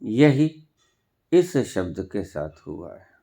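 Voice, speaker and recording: A spiritual teacher with a Punjabi accent delivers a sermon slowly and deliberately, leaving long, emphatic pauses between phrases. His pitch swings widely, rising sharply on stressed words before dropping low again. His tone is warm, with some vocal fry.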